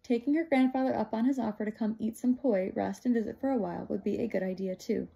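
A woman reading a novel aloud in steady first-person narration. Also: a little high, fast talker, vocal fry, muffled recording. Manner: steady, plain storytelling. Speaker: audiobook reader.

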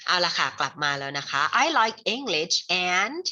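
A Thai-accented woman leads an English lesson for kids at a very slow, deliberate pace. Her voice is bright and forceful, sitting a little low in pitch. The recording sounds somewhat dull and lo-fi. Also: sing-song. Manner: switches between Thai and slow, clearly spelled-out English, calls viewers "child". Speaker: English teacher. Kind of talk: online English lesson for children.

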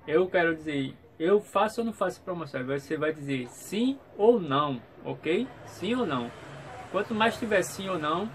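A man's voice: on the high side, fairly bright tone, low-quality recording. A man gives a casual vlog update in a hesitant, repetitive way, often checking in with his viewers. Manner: hesitant, repeats himself, frequent checking tags. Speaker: YouTube channel host. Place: small room at home, indoors. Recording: clear background noise, room ambience.

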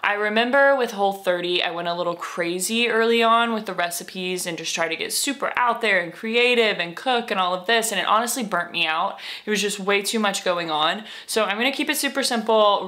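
A young American woman in her twenties vlogs from her small apartment, talking casually to the camera in an upbeat way with many fillers. Her medium-pitched voice is sharp and brisk with few pauses, recorded indoors on a close camera or phone mic.

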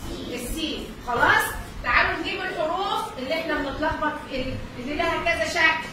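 High-voiced Egyptian woman teaching, echoey room. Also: quick pace. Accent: Egyptian Arabic. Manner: patient, repeats and checks understanding. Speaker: Arabic reading teacher. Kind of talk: online lesson for children. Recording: very echoey room, distant mic, noisy.

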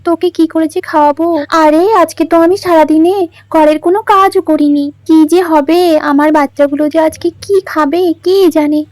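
A woman's voice: high voice, steady tone, a little fast, dry recording, lightly acted. A woman voicing a sick, worried village mother who frets and sighs her complaints in a doll story. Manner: fretful, sighing complaints.

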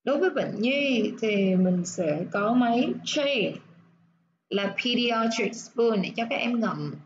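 A woman teaching nursing English, explaining step by step and repeating words slowly to show where the stress falls. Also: a little high, lively intonation, lo-fi sound, noisy background.

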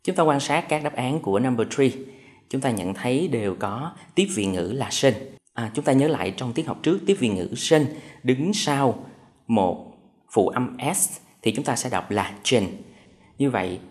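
A man's voice: mid-range voice, lively intonation, normal speed, a little mellow. A male English teacher giving a televised exam-prep lesson, methodically reading out each answer option and explaining it. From Vietnam.

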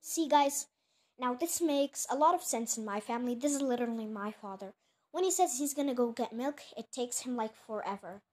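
A woman's voice: on the high side, brisk, darkish tone, a little hiss or hum. A female creator chatting casually while reacting to her own old clips, chatty and self-mocking. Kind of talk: casual chat.

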